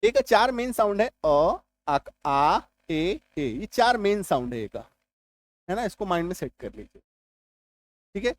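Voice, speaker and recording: A man teaching a lesson patiently. He repeats points, drills sounds slowly and keeps checking whether listeners follow. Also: high voice, big pitch swings. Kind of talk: explanatory classroom-style lesson.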